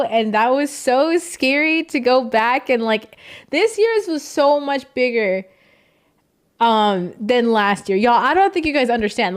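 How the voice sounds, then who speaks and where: A woman's voice: fairly high pitch, clear, resonant tone. A young woman streamer talking casually and emotionally to her chat, rambling and thanking viewers.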